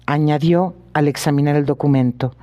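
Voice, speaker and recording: A male narrator reads a classic detective tale in a steady, unhurried way. His voice is warm and mellow, sitting slightly above the usual male pitch, made for long listening. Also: lo-fi sound. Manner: steady, clear storytelling. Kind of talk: audiobook reading.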